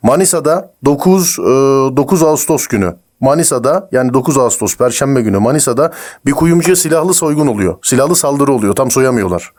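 A man making a prank phone call as a stern crime officer, interrogating in a pushy, rapid-fire way. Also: mid-range voice, lively intonation, darkish tone.

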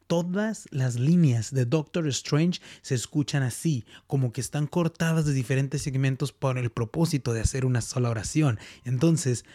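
A man's voice: a little high, warm tone. Male podcast host, casual and playful, loose rambling delivery. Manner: chatty, playful, rambling with repetitions. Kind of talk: casual trailer breakdown commentary.

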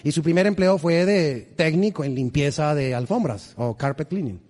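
A male pastor tells stories from the pulpit with humor and lively energy, tossing questions out to his congregation. His voice sits a bit high for a man. The sound carries a long, reverberant tail from a large church hall. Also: moderate pace. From Colombia. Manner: animated, humorous, quizzes the congregation. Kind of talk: storytelling sermon.

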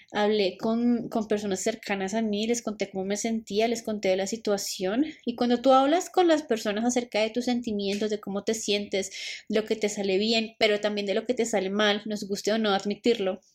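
A young woman talking casually and emotionally to the camera in a personal vlog, often repeating herself and quoting her own past thoughts. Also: mid-range voice. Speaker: vlogger.

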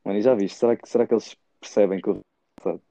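A man's voice: lowish voice, steady tone, fast, warm tone, no echo. A young man with a European Portuguese accent co-hosting a podcast with casual, slangy, laid-back interjections. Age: young adult. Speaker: podcast co-host. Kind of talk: casual banter between friends. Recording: dull, dry close sound.

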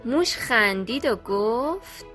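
A woman reads a children's bedtime story in a gentle, friendly, clear voice pitched a little high. Faint music plays softly beneath her narration. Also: animated. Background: soft background music.

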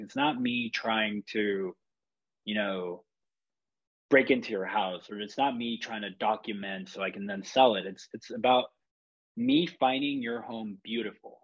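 A man's voice: lowish voice, husky, highs cut off. A man from Chile, a photographer, talking in a rambling, reflective way with many fillers and restarts. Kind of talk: casual podcast chat.

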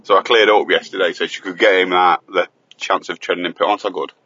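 He talks fast in a low, fairly even voice that sounds pushed and bright, bantering and joking while hosting a school-run recording as a father at the wheel. It's a casual in-car chat on the road, recorded on a phone voice recorder with dull audio.

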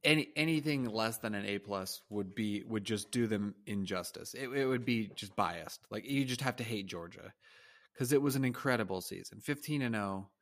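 Low voiced dude on a sports podcast, dry, rattles off records. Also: male voice, normal speed, a bit bright. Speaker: co-host. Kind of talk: casual sports chat.

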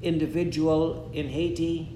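A man, preaching in short measured phrases and pausing after each one for an interpreter. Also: little pitch movement, mellow. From Guyana. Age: 70s. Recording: echoey room with a faint rumble.

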